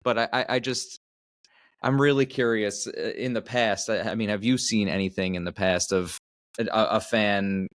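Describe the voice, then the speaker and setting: A low-voiced man co-hosting a podcast, asking questions in a casual chat. He speaks haltingly and repeats words as he searches for what to say. The sound is dry, with no room echo. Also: fairly even intonation. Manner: hesitant, stammering with repeated words. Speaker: podcast co-host.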